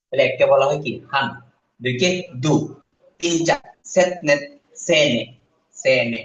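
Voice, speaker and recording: A man teaching a class, drilling words slowly and repeating them, often checking that the students follow. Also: medium pitch. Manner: slow repetitive drilling, asks "ঠিক আছে?". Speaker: language teacher. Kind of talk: classroom lesson. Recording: echoey classroom, distant dull mic.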